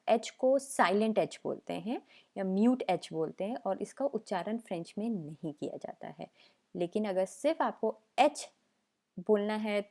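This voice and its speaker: In a slow language lesson, a patient young tutor teaches French letters and repeats every sound twice. She speaks in a warm, mid-range voice.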